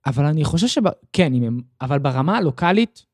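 A man's voice: fairly high pitch, very animated, a little mellow, dry recording, clean studio sound. A man co-hosting a podcast in casual chat, pressing with playful skeptical questions. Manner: questioning, playful devil's advocate. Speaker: podcast co-host.

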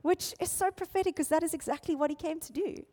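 Woman pastor, high voice, lively conversational sermon, reverberant hall. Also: fast. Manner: animated, conversational Bible teaching.

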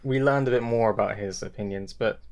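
A man's voice: lowish voice, a little fast, darkish tone. Rambling young man co-hosting a podcast. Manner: rambling, many restarts and fillers. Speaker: podcast co-host. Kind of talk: casual chat.

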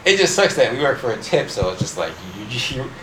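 A man talking fast with a lively, bouncing pitch, slangy and joking as he chats on a podcast. His voice rings in an echoey room with clear noise behind it, and he swears freely. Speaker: podcast co-host. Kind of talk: casual chat.

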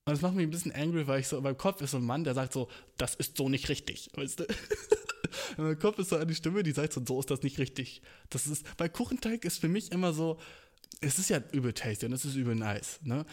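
A man's voice: a little high, lively intonation, fast, darkish tone. A young man ranting in a casual, comedic way, full of slang, English words and swearing, with playfully exaggerated outrage.

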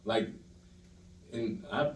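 A man guest talking in a calm, laid-back, slangy way in casual conversation. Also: fairly low pitch, extremely slow. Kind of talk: casual interview chat. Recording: echoey room, mic at a distance.

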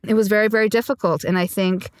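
Smooth-voiced woman telling her story. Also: mid-range voice, steady tone, fast talker, no echo, clean studio sound. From Sri Lanka. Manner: reflective, earnest, laughs often. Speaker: singer-songwriter guest. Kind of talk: conversational interview.

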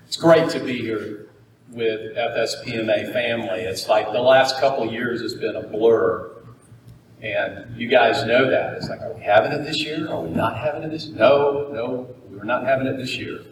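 A man's voice: medium pitch, normal speed, a little hiss or hum. Folksy Floridian man at a keynote. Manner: folksy storytelling, joking with the audience. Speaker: keynote speaker. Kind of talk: motivational keynote speech. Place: conference hall. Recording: echoey hall, mic far off.

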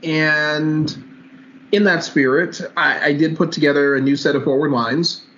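A man co-hosting a casual hockey podcast, joking in a dry, deadpan way and then laying out his analysis step by step. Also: fairly high pitch, unhurried. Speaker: podcast co-host. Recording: dull lo-fi audio with faint hiss.

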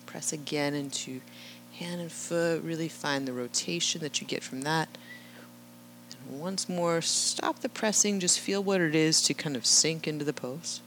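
Woman yoga instructor, low-pitched, steady class cueing, faint background hum. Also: measured pace. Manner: calm, cueing breath and movement, with rhetorical "right?". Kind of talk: guiding a live yoga class.

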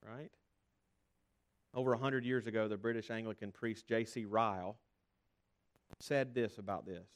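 A man's voice: on the low side, fairly even intonation, moderate pace, long pauses. A man preaching a sermon as pastor, earnest and conversational, often restarting his phrases.

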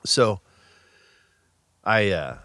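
A man's voice: on the low side, expressive, drawn-out words, bright, forceful tone, dry recording, clean studio sound. A man in his fifties from the Pacific Northwest, a police patrol supervisor telling a story in a casual interview, in a blunt, profane, wry way. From Pacific Northwest, USA.

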